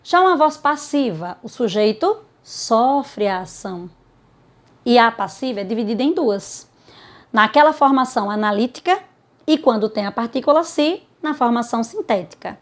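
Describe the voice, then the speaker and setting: Brazilian woman teacher explaining grammar, kinda high voice, asks questions and answers them herself. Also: lively intonation, moderate pace. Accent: Brazilian Portuguese. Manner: asks and answers her own questions, voicing imagined students. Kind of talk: grammar lesson.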